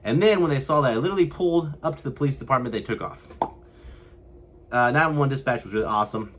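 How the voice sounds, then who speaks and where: A man's voice: mid-range voice, quick pace, noisy background. A young man from California, telling a vlog story to camera and acting out what others said. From California, USA. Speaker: vlogger.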